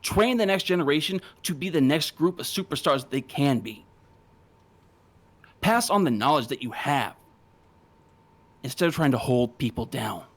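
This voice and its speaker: A man's voice: on the high side, expressive, normal speed, pauses often. A man cutting a confrontational wrestling promo, taunting and swearing. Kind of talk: in-ring promo argument.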